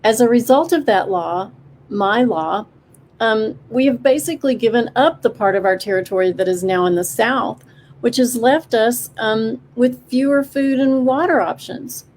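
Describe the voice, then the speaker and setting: A woman's voice: fairly high pitch, normal speed, a little mellow, a little hiss or hum, close to an everyday voice, rough recording. A woman voicing an old, breathless female turtle in a storybook, with a weak, gurgly voice. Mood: pleased. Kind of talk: storybook character voice.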